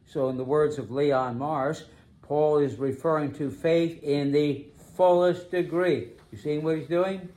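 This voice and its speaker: A man preaching a sermon as pastor, emphatic, slowing down to stress key phrases. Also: a little high, fairly even intonation, mellow.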